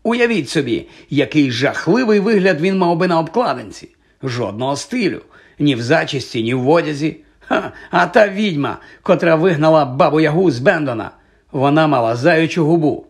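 A man doing a vain, self-important wizard professor from a storybook, his voice jumping high as he stammers and hedges. The tone is husky and a little breathy. He lectures pompously between his nervous fillers. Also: lively intonation, moderate pace. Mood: pompous, lecturing. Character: vain flustered male celebrity wizard professor.

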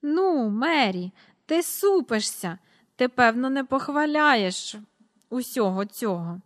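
A woman reading a storybook aloud, voicing a jolly, giggly old gentleman who keeps bursting into laughter. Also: fairly high pitch, big pitch swings, slow. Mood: apologetic.

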